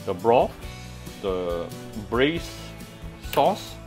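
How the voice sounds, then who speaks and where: Heard over music, this home cooking host speaks at a medium pitch, very animated yet very slow. He chats and explains while cooking at his kitchen stove, often saying "uh."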